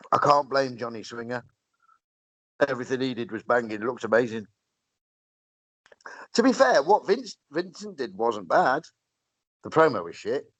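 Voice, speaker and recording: A man's voice: medium pitch, no room sound, poor audio. Casting: man, podcast co-host, sarcastic, swears a lot, recorded close and dry. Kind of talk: casual chat reviewing wrestling.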